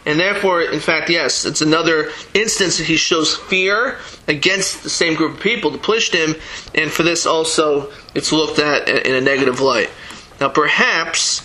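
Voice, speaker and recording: A man's voice: a little high, sharp tone, low-quality recording. A man teaching a Torah class, reading verses aloud and explaining them with frequent restarts. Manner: halting, restarts, reads Hebrew verses then translates. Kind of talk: verse-by-verse text study lesson.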